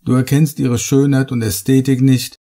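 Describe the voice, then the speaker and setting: A man's voice: medium pitch, little pitch movement, normal speed, dark tone, voice pushed up, lightly acted. A man voicing a fervent, obsessed archaeologist. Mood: rapturous. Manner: fervent, worshipful. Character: obsessive, rapturous male archaeologist. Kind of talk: horror audiobook narration.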